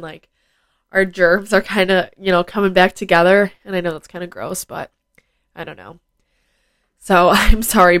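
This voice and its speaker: Chatting by herself on her podcast at home, a fifteen-year-old girl leans on fillers and speaks into a mic attached to her phone. A head cold leaves her nasal and stuffy, but her mid-range voice is clear and resonant, with no room sound.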